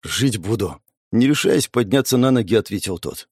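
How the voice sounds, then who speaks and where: A man's voice: fairly low pitch, lively intonation, moderate pace, creaky, a little mellow, slightly rough, no room sound, clean studio sound, heavily acted. Audiobook: grumpy wounded pyromancer, mutters sarcasm; male reader doing the voice. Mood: weary. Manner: grumbling, sardonic. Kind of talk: audiobook character voice.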